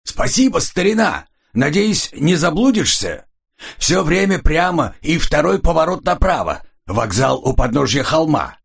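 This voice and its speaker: A man doing a loud jolly party guest. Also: a little high, big pitch swings, a little slow, vocal fry, slightly rough, pitched above the performer's own voice, heavily acted. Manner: hearty, boisterous, loud. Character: jolly loud tipsy man saying goodbye. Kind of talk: audiobook character reading.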